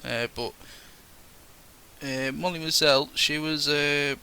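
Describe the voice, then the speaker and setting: A man's voice: a little high, fairly even intonation, takes it slowly, bright, forceful tone, clear, resonant tone. A young man with a Sunderland accent, co-hosting a podcast and rambling through ghost stories with lots of swearing and laughter. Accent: Sunderland (Mackem). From Sunderland, England. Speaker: podcast co-host. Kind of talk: casual chat about ghost stories.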